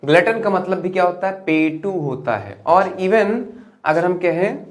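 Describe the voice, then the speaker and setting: A young man with an Indian English accent teaching vocabulary with memory tricks. He talks in lively swings between high emphatic lines and low murmured asides. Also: measured pace.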